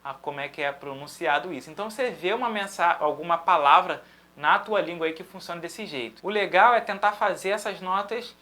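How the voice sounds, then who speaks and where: A Brazilian man teaching a drum lesson, patiently explaining and chanting syllables in a steady rhythm to demonstrate. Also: sits high, fairly quick. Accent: Brazilian Portuguese.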